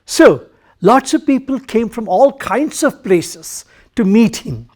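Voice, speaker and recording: Male Indian English schoolteacher, high-pitched, unhurried recorded lesson. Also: animated, darkish tone. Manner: slow, repetitive, addresses pupils directly. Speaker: English teacher.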